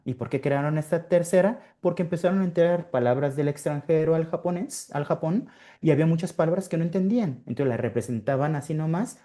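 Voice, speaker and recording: A man gives an informal online lecture in a mellow, warm tone. He explains step by step, checking in with his listeners through quick tag questions and frequent fillers. The sound comes through a computer microphone on a video call. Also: a little high. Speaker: webinar presenter.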